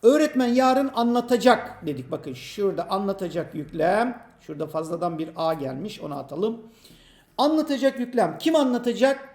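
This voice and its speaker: Male teacher with a high voice, patient exam prep grammar lesson, asks and answers his own questions, echoey room. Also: lively intonation, normal speed, darkish tone. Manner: addresses imagined students by name.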